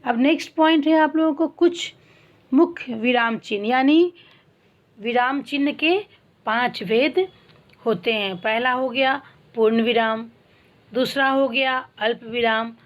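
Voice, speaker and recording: A woman teaching a primary school Hindi class, explaining slowly and asking questions that she answers herself. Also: high voice. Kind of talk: online class lesson.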